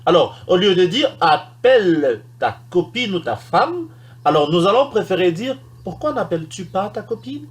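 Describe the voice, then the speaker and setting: Lively high-voiced man teaching English. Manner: explains slowly, repeats English example sentences with emphasis. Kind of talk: recorded language lesson.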